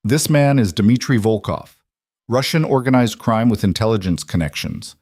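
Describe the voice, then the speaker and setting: A man's voice: fairly low pitch, animated, normal speed, darkish tone, husky, dry recording, clean studio sound. A man voicing a suspicious male federal agent in an audiobook, asking probing, pointed questions.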